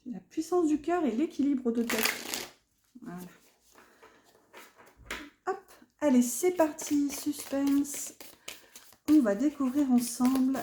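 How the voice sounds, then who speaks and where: A woman with a slight lisp presents an oracle card deck, talking casually and reading card texts aloud in a gentle, unhurried way. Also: sits high, slight background noise.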